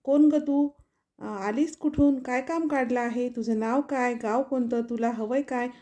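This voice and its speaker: A woman's voice: fairly high pitch, steady tone, measured pace, warm tone, natural voice. A woman voicing an anxious young palace maid in a devotional story. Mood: questioning. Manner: questioning, pleading.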